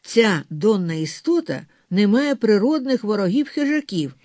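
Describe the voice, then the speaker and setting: A man's voice: sits high, very animated, normal speed, darkish tone, no room sound. A man narrating an audiobook of a novel and reading the characters' lines himself.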